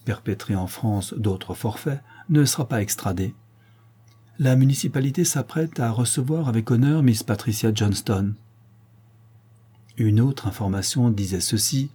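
A man narrating an audiobook in a steady, measured reading voice. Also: mid-range voice, breathy edge.

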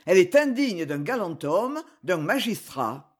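Narrator doing a pompous stuffy cousin type, high lively voice, husky edge, full of himself. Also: male voice, measured pace, full character voice. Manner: pompous, declamatory. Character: pompous self-important male family head.

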